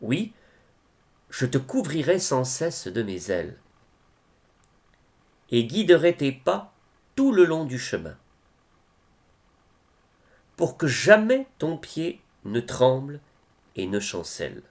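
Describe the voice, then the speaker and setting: This is a medium-pitched male voice reading devotional poems with gravity, using deliberate, expressive phrasing broken by pauses.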